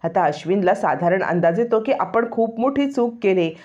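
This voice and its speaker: A woman narrating the story of a television serial episode in a brisk, dramatic retelling. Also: mid-range voice, expressive, darkish tone. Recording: dull lo-fi recording.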